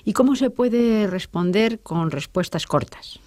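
A woman hosts an educational radio show. Her questions are measured and steady, and the sound is dry and close. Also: medium pitch, dry recording. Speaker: radio presenter. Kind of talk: guiding questions in a radio lesson.

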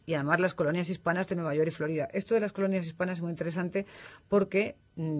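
Expert guest, man, somewhat high-pitched, teaching tone, checks in with listeners, fixes slips as he goes. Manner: didactic, tags statements with "¿no?", corrects himself mid-sentence. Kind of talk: explanatory radio talk.

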